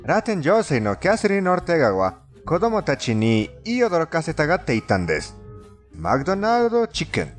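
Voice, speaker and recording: Here a man with a non-native accent reads scripted countdown narration for a fandubbed video, formal and a bit stilted like a storyteller. His voice is slightly high with huge pitch swings, the pace is brisk, and faint music sits behind him.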